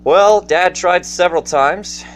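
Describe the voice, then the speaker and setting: A man whose voice sits high speaks a little slowly, with faint background noise. He's a storyteller in a casual monologue about his own life, addressing listeners directly in a theatrical, folksy style.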